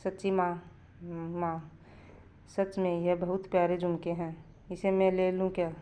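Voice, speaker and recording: A woman's voice: fairly low pitch, flat delivery, measured pace, mellow, lightly acted. A woman voicing a pampered young married daughter who pleads and complains. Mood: pleading.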